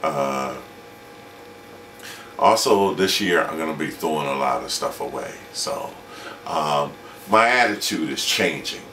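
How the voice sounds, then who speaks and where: A man in his late forties talking through a personal video diary from his kitchen, halting and reflective with many restarts. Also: very deep voice, expressive, pushed and bright, echoey room, far from the mic, a little hiss or hum. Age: 40s. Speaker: independent filmmaker and vlogger.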